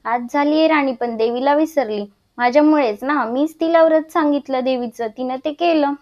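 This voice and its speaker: A bitter old beggar woman, as a woman storyteller puts her on, slow and stern, with a high voice. The recording is dull and lo-fi. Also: darkish tone, close to an everyday voice. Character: poor old woman, a goddess in disguise, bitter.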